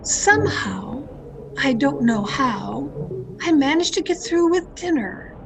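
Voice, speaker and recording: Heavily acted and creaky, a high, expressive female voice tells of her own crime in first person, playing a tense, secretive woman in a 1940s-style online radio mystery. The mood is tense and brooding, the pacing deliberate and dramatic, over a noisy video-call connection from home.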